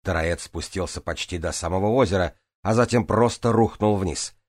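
A man narrating a first-person audiobook in a steady, even reading. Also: low voice, moderate pace, no room sound, studio quality.

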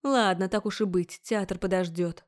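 A woman's voice: mid-range voice, steady tone, normal speed, lightly acted. A woman reading an audiobook, voicing a suspicious middle-aged mother who scolds and answers with sarcasm in a raised voice. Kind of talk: audiobook character voice.

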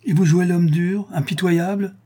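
A compassionate nobleman, refined and earnest, quick to protest in exclamations, as a man reading the story voices him. The voice is dark and faintly husky. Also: medium pitch, voice pushed up, lightly acted. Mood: indignant. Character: noble compassionate male count, indignant.

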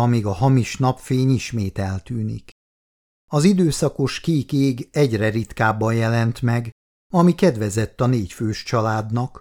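A male audiobook narrator reading in a measured, expressive way. He has a middle pitch for a man and drops to a hush on quiet lines. The overall delivery is steady and scripted.

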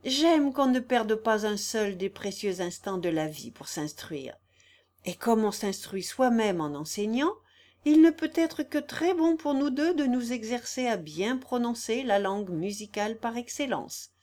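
Woman doing kind frank young singer lady, higher voice, storybook heroine. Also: measured pace, a little mellow, lightly acted. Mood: kindly.

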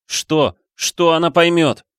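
A man's voice: on the high side, expressive, a little fast, no room sound, clean studio sound, pitched above the performer's own voice. A man doing a guilt-ridden, raging young man. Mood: furious. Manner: tense, shouting outbursts. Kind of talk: audiobook character voice.

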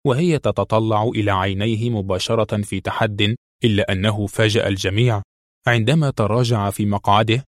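A man giving expressive audiobook narration of a spy thriller. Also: fairly low pitch, no room sound, clean studio sound. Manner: expressive, acts each voice.

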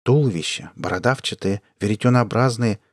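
A man reading a science fiction story aloud as an audiobook narrator, in an even, measured way. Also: on the low side, dry recording, studio quality. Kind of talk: scripted narration.

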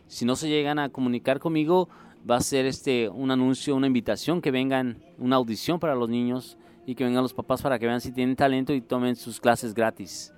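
Answering a radio interviewer, a musician and music teacher from Mexico City, with that city's Spanish accent, is earnest yet halting and keeps going back to reword things. He has a medium-pitched, steady, smooth voice with a darkish tone.

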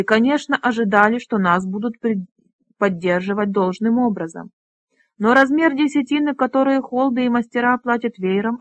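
An audiobook reader voicing an elderly male dragonrider leader in a stern, deliberate manner. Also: mid-range voice, a bit bright, dry recording, natural voice.

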